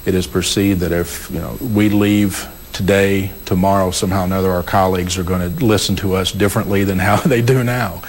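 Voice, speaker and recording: A man's voice: low-pitched, level tone, a little fast, hardly any pauses, slight background noise, low-quality recording. A man, a state legislator and former prosecutor, explaining his views on a panel, often repeating words as he thinks. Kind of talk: panel discussion.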